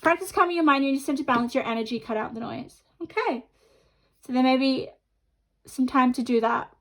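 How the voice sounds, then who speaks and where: A woman with a fairly high voice hosts a chatty tarot card reading, addressing viewers directly. She talks with half of her mouth numb from the dentist. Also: fairly quick, a bit bright, rough recording. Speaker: tarot card reader and host.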